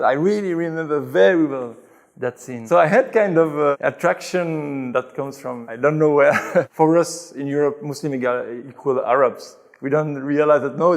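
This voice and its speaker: Gravelly-voiced man. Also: medium pitch, a little mellow. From Belgium. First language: French. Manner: thoughtful, hesitant with many restarts. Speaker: interview guest. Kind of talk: conversational interview answers.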